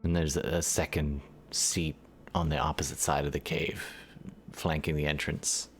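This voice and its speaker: A man's voice: rumbling low, level tone, moderate pace, a little hiss or hum. A man narrating a tabletop role-playing game as game master, in a casual descriptive way.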